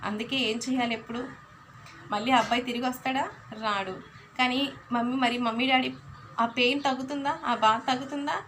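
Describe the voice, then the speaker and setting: Young female teacher, high bright voice, coaxing, keeps checking in with the kids. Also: steady tone, brisk, pauses often, a little hiss or hum. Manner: coaxing, keeps asking the class questions. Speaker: school teacher. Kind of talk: storytelling lesson to young pupils.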